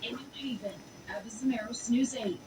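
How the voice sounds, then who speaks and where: A woman reading a TV news report in a steady scripted way, heard from a television playing in another room, as if through the wall. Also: fairly high pitch, brisk. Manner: steady scripted newsreader delivery. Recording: distant muffled TV with loud room noise.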